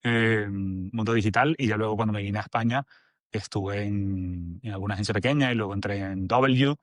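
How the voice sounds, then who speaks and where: A Venezuelan man in his forties, an agency director appearing as a guest, talks in a casual interview with a Venezuelan accent. His fairly low voice moves at normal speed, rambling with many fillers and restarts. The recording is clean studio sound with no room reverb.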